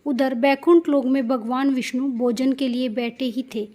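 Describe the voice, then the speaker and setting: High-voiced woman telling a devotional story. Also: moderate pace. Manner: steady, plain storytelling with repeated phrases.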